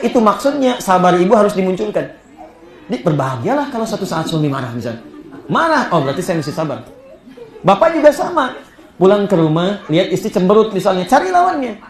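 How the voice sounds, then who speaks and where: Animated preacher, echoey hall. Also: male voice. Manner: animated storytelling, voice climbing high for emphasis and dropping soft. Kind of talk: Islamic sermon to a congregation.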